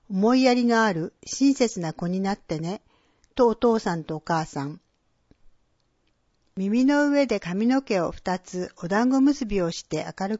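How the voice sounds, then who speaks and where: A woman announcer reading a scripted public-service segment, with clear, measured delivery of names and dates. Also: medium pitch, a little mellow, no echo, muffled recording. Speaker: municipal announcer.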